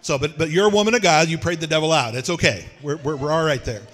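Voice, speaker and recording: Joking preacher man, slightly high voice, lively storytelling sermon. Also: quick pace, in a large hall. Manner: folksy, joking, animated storytelling. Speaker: pastor.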